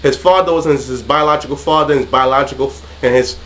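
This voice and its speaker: A man's voice: medium pitch, fairly even intonation, quick pace, fairly bright tone. A man from Haiti co-hosting a casual group chat, joking, laughing often and telling stories. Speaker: co-host.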